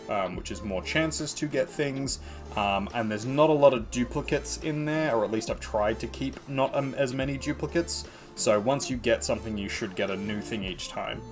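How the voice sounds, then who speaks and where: An Australian man talks casually to his stream viewers as he works on his art. His speech rambles along, filled with ums and self-corrections, in an ordinary mid-range voice. Soft music plays faintly in the background. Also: medium pitch. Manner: rambling, full of ums and restarts. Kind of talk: casual live-stream chat.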